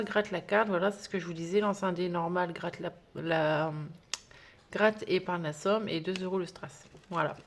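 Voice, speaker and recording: A woman chatting casually through an unboxing for a budgeting vlog, gushing over small items with many fillers and sometimes dropping to a soft whisper. She sounds tired. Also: mid-range voice, creaky, slight background noise. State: tired, trembling hands. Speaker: budgeting vlogger.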